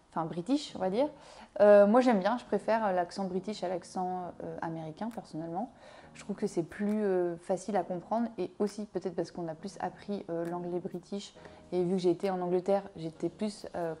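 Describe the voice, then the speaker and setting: A woman's voice: medium pitch, warm tone. A young woman hosting a casual audiobook review, chatty and hesitating often. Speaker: book review host.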